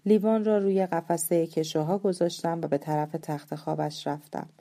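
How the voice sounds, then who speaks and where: A woman reading a novel aloud as an audiobook narrator, calm and measured. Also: deep voice. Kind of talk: scripted story narration.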